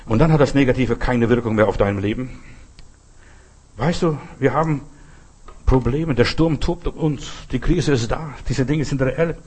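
A man preaching a sermon in an emphatic, repetitive way, with a husky voice. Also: mid-range voice. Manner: emphatic, repeats phrases, shouts echoing cries when telling stories.

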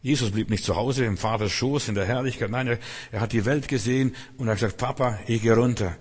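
A man's voice: mid-range voice, fast talker, husky, big-room sound. A man preaching a sermon, earnest and exhorting, speaking straight to the listener.

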